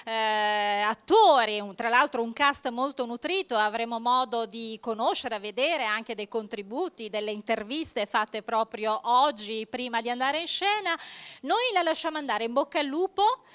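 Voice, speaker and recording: A woman's voice: on the high side, moderate pace, fairly bright tone, clean tone. A woman hosting a live event broadcast, presenting and interviewing guests in an effusive, formal, wordy way.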